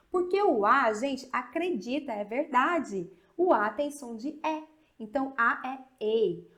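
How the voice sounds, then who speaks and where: A woman from Brazil teaching an English lesson. She spells letters slowly, speeds up when she explains, and keeps checking in with her students. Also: high voice. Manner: slow spelling drills with frequent "tá?" check-ins. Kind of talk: video lesson.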